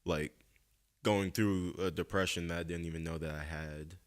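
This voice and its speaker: A young man hosts a laid-back podcast conversation in a low, steady voice. He comes across as earnest and reflective, talking slowly and packing his speech with fillers.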